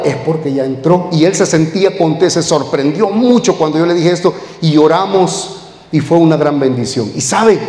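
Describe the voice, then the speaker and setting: Male pastor, fairly high voice, narrative sermon style, roomy reverberant church sound. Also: darkish tone. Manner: storytelling, addresses listeners as brother. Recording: echoey hall.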